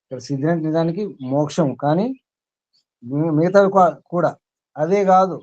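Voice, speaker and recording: A man's voice: a little high, normal speed, darkish tone, no echo, muffled recording. A man acting as spiritual teacher, giving a sermon to a small group, questioning his listeners and reeling off long lists.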